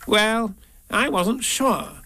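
Man putting on a high, fussy storybook rabbit. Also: very slow, pushed and bright, no echo, clean studio sound, exaggerated voice. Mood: cautiously welcoming. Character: Rabbit, fussy cautious evasive male storybook rabbit. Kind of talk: children's storybook reading.

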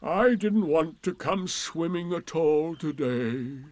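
A man voicing a gloomy, sarcastic donkey in a storybook, with drawn-out, emphatic, indignant delivery. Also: fairly high pitch, animated, dry recording, voice pushed up. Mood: sardonic, aggrieved.

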